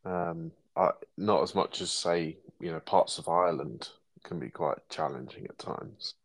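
English male podcast co-host, very low voice with gravel, measured and questioning. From England. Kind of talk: casual chat.

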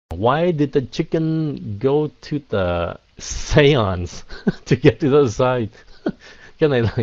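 A man teaching English in a casual live Q&A, mixing Vietnamese and English and drawing words out slowly. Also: medium pitch, a little mellow. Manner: drawn-out, slow pronunciation of English words. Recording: dull, lo-fi, dry.

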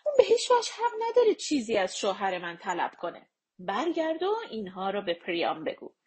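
A woman reading the part of a queen who speaks softly and calmly to her nephew. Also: medium pitch, husky. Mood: gentle. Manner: soft, calm. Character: gentle queen, calm and pleading.

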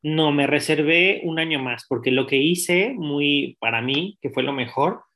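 A man's voice: a little high, measured pace, sharp tone. Candid young man. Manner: direct, candid, many restarts and fillers. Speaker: guest. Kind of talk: personal storytelling in an interview.

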